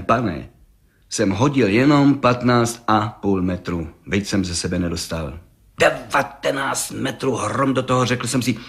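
A man voicing an excitable, boastful middle-aged village gendarme who tells his tale in an eager, rambling rush. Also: medium pitch, natural voice. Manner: rambling, eager, breathless storytelling. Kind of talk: audiobook reading.

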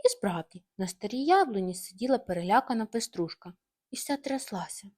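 A woman narrating a bedtime story for children, gentle and expressive. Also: mid-range voice, brisk.

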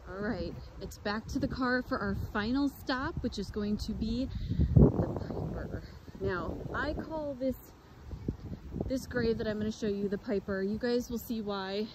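A woman's voice: on the high side, measured pace. A woman giving a casual walking tour outdoors, chatting to her viewers as she films on a phone. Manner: chatty, addresses viewers as "guys". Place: outdoors in a cemetery on a windy day. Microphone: phone camera held while walking. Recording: loud wind and outdoor noise.

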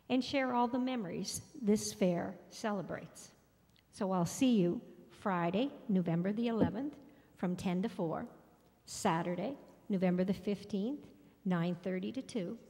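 A woman's voice: medium pitch, darkish tone. A middle-aged woman reading a prepared announcement at a church podium microphone, cheerful with rhythmic lists. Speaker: fair organizer. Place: large church sanctuary. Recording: long reverb in a church hall.

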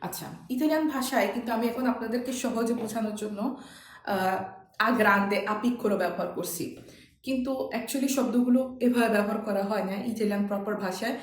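Patient woman teaching in an echoey room. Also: a little high. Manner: patient, repeats sounds slowly while writing on a board. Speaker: language teacher. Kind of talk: casual classroom explanation. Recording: echoey room with faint noise.

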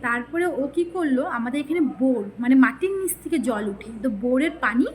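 Chatty fast-talking woman. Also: high voice, lively intonation. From West Bengal, India. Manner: rambling, chatty, many fillers and restarts. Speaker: lifestyle vlogger. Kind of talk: casual talk to viewers.

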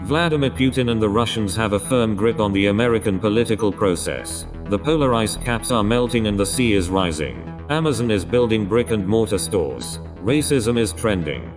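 A man voicing a deadpan robot newsreader with a flat monotone delivery over music. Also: fairly low pitch, natural voice.

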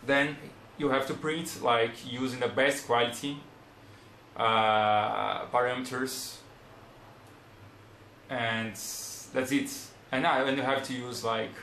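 A Brazilian man, a hobbyist, gives a casual how-to demonstration at a desk in a small room, speaking slowly in a plain, unhurried way and searching for words. Portuguese is his first language, and he has a Brazilian Portuguese accent. His medium-pitched voice is steady and sharp in tone, with reverb and a little hiss or hum.

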